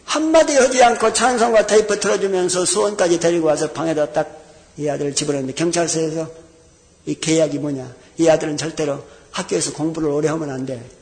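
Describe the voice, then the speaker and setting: A man's voice: on the high side, a little fast. A male pastor preaching a sermon, telling a story and acting out the voices of the people in it. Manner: animated storyteller acting out dialogue. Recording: long hall reverb.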